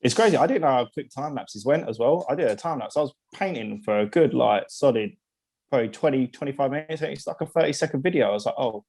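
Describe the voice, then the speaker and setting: A man's voice: medium pitch, expressive, fast, creaky, darkish tone, breathy edge. A man chatting casually on a podcast, talking in loose, restarting sentences and swearing freely. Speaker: podcast co-host. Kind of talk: casual chat.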